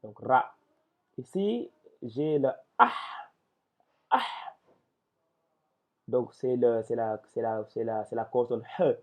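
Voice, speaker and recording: A man gives a step-by-step reading lesson, breaking words into single syllables and repeating himself patiently. He speaks at an unhurried, deliberate pace in a middle voice. The sound is thin and tinny, like a phone recording. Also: mid-range voice. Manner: slow and patient, with many restarts and syllable-by-syllable spelling. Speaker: Arabic reading teacher.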